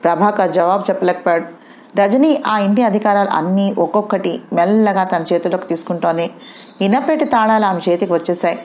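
A woman narrating an audio novel in a steady storytelling way. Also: mid-range voice, fairly quick. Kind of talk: scripted narration.

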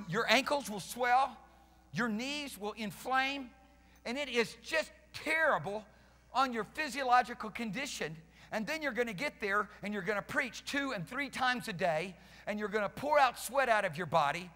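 Man in his fifties, pastor, very high bright voice, fervent emphatic preaching, long hall reverb. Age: 50s. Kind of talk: sermon. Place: church hall stage with band gear, live congregation. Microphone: headset mic, preaching while pacing and gesturing.

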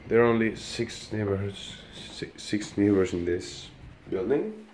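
A man's voice: fairly low pitch, measured pace, background noise. A man casually guiding viewers through a furnished apartment, pointing out its features one by one as he walks. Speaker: property tour guide. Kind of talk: casual walkthrough tour.

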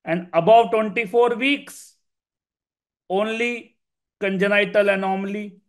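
A man with a North Indian accent and a high-pitched voice teaches in an informal way. He drives points home by repeating key phrases, slipping between English and Hindi as he explains. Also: steady tone, unhurried. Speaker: medical exam instructor.

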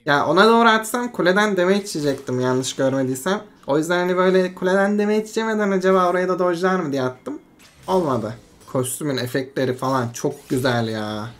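Excitable gamer narrating own match. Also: medium pitch, fairly quick. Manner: excitable, swings between frustration and hype, talks himself calm. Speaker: game streamer. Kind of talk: live gameplay commentary.

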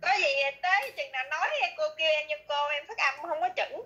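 A woman student reading aloud and chatting with her teacher in class, quick and self-deprecating. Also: high-pitched, sharp tone. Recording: dull lo-fi video call audio.

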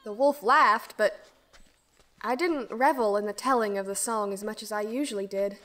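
In an audio drama, a woman plays an earnest, dutiful young girl who formally tells her own fairy tale in first-person storybook narration, sounding earnest and reflective. Her medium-pitched voice is fairly bright and close to an everyday voice, at a moderate pace over soft background music.

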